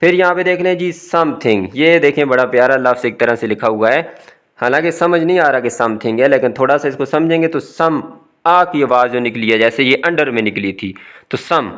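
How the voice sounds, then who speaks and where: A man's voice: medium pitch, lively intonation, fairly quick, a bit bright. Man teaching pronunciation with lilting emphasis. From Pakistan. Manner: explains step by step with rising and falling emphasis. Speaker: English teacher. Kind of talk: recorded classroom lesson.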